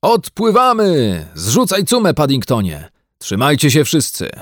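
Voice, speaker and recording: A man's voice: medium pitch, big pitch swings, unhurried, darkish tone, no echo, studio quality. A man voicing a confident, bossy family father in an audiobook reading, hearty and commanding. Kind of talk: audiobook character voice.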